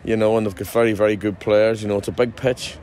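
A man's voice: on the low side, level tone, fast, darkish tone. A man in his forties, a football manager, giving a chatty post-match interview outdoors at a ground at night, restarting sentences often. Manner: chatty, frequent restarts and fillers.

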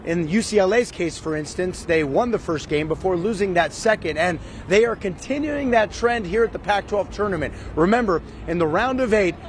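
A man's voice: high voice, expressive, moderate pace, few pauses. Man, 50s, sports reporter, upbeat broadcast delivery, handheld mic, outdoor city plaza, faint traffic noise. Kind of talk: live TV news report.

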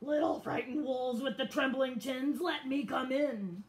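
A woman's voice: sits high, unhurried, pitched above the performer's own voice. A woman voicing a big bad male pig, a bully who makes blustery threats. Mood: coaxing.

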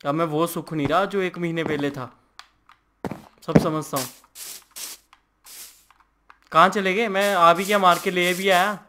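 A man's voice: high-pitched, steady tone, unhurried, pauses often, pushed and bright, slight background noise. A man hosting a gaming channel, chatting and teasing his friend during casual gameplay banter. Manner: teasing, joking.

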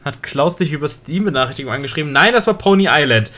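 A woman's voice: low voice, animated, quick pace, fairly bright tone. A woman streamer chatting casually, reading game text aloud and asking her viewers questions. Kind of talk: casual live game commentary.

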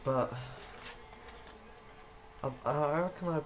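A man's voice: fairly high pitch, takes it slowly, noisy background. A young man giving rambling, casual commentary while playing a video game, swearing when things go wrong. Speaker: gaming YouTuber.

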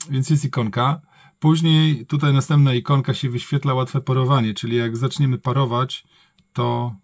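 Guy doing a casual gadget review, kinda raspy n creaky, thinking out loud, dry sound. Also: medium pitch, no room sound. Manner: thinks aloud, colloquial, often self-correcting. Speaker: product reviewer.

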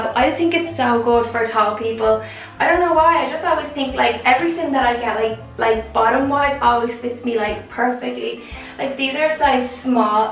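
A young Irish woman rambles through a try-on haul, her voice slightly raised and gravelly with fry. She is recorded off-mic in an echoey room, with faint music behind her. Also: on the high side, distant mic. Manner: chatty and rambling, heavy use of "like". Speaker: vlogger. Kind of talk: casual try-on haul chat. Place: room at home. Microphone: camera set up at a distance.

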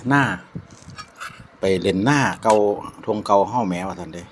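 A man's voice: fairly low pitch, animated, slight background noise. Man chatting in an Isan accent. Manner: reflective, unhurried, with frequent polite particles. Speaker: vlogger. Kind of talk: casual chat over a meal.

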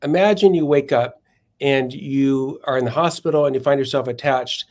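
A man, a guest in a podcast interview, explaining philosophical arguments in a measured, methodical way and often correcting himself mid-phrase. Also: medium pitch, a little mellow.

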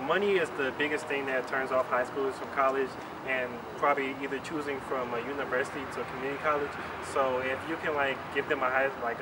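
A young man from Milwaukee, a student answering interview questions outdoors, hesitant with many fillers. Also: mid-range voice. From Milwaukee, Wisconsin. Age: young adult. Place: outdoors by a brick building. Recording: distant mic with traffic noise.

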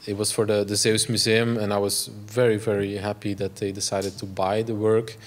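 Halting Belgian man with a flat voice. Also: lowish voice. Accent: Flemish Belgian. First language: Dutch. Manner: halting, many fillers and restarts. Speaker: artist giving a talk. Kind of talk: public artist talk. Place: gallery lecture room.

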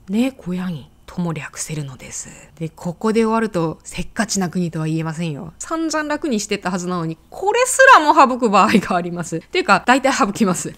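A woman hosting a lively language lesson, talking straight to her viewers with playful rhetorical questions; her first language is Korean. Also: mid-range voice. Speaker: language teacher and video host. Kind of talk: lively explanatory lesson to camera.

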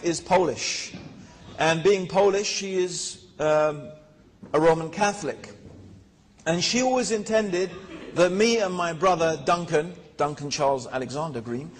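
A man telling his personal story in a religious talk, measured and pausing with fillers. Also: a little high. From England. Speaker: guest speaker. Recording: reverberant lecture hall.

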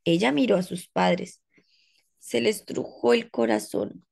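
A woman reading a rhyming picture book aloud for children in an expressive, sing-song way. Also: medium pitch, measured pace, creaky. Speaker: storybook reader.

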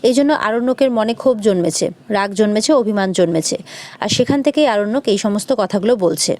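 A woman's voice: mid-range voice, a little fast, darkish tone, no echo. A woman narrating a recap of a TV serial episode as a channel host, speaking to viewers as friends.

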